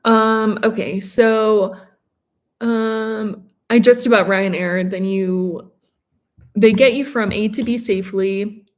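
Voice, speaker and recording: A young woman in her twenties, from Colorado, chats on a livestream in a middle-pitched, easygoing voice. She talks loosely, with lots of fillers and restarts, sharing travel memories and answering viewer questions. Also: steady tone, slow. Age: 20s. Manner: chatty, fillers and restarts, reads viewer comments. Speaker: vlogger co-host. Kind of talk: casual livestream chat.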